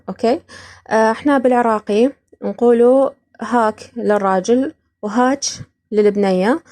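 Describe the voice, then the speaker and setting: Fast-talking Iraqi-born woman host. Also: fairly high pitch, a little mellow. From Iraq. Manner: chatty, laughs often between points. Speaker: podcast host. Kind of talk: casual explaining of dialect words.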